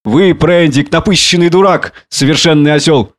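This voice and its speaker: Casting: a man playing a drunk, self-pitying ex-doctor, ranting high and loud. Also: steady tone, normal speed, natural voice. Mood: scornful. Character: drunken bitter ranting male exile doctor. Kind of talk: audiobook reading.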